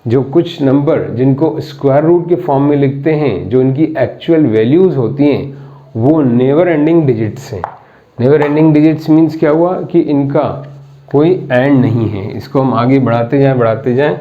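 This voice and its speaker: A man's voice: mid-range voice, moderate pace. A man teaching a maths class, mixing Indian-accented English terms into his explanation and often repeating key words and asking students questions. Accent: Indian English mixed into Hindi. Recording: tinny phone-like audio.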